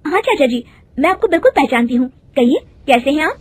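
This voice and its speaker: A woman's voice: high-pitched, expressive, brisk, no room sound, voice pushed up. A woman voicing a polite, hesitant young daughter-in-law in a cartoon story. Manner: polite, timid.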